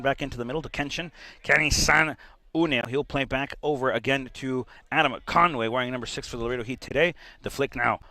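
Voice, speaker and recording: A man's voice: medium pitch, a bit bright. A man giving live play-by-play commentary on a soccer match for a stream.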